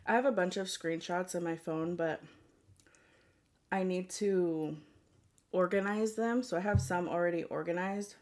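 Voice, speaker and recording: A woman vlogger chatting casually to her viewers in an unhurried, rambling way. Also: fairly low pitch, darkish tone. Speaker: mukbang vlogger.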